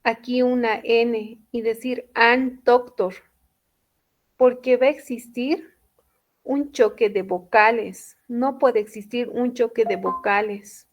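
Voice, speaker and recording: A woman gives a classroom lesson at a slow, careful pace. Her voice sits slightly high, and she repeats each point patiently, checking often that her students are following. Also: fairly even intonation, lo-fi sound. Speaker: English teacher.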